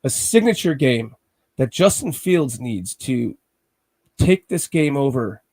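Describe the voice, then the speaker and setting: Slightly raspy from a cold, this sports podcast host chats casually at a slow pace, his middling male voice a little mellow with lively intonation. His talk is rambling nervous fan chatter, and he keeps restarting his sentences while worrying about games.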